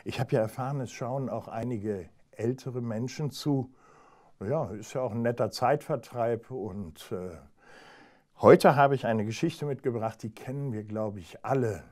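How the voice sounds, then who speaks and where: A man slowly reading a fairy tale to children. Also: mid-range voice, darkish tone. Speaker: storyteller.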